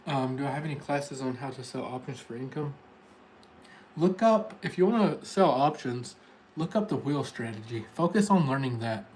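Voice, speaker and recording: A day trader from Tennessee, United States, hosts a livestream, chatting informally and directly to the viewers in chat in his Tennessee accent. His medium-pitched voice is a little mellow with lively intonation at a moderate pace, and there's slight background noise.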